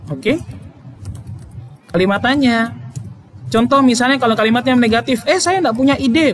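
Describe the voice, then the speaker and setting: A man's voice: sits high, slight background noise. A male English teacher explaining grammar in a lesson, emphatic, repeating key points and checking with "oke?".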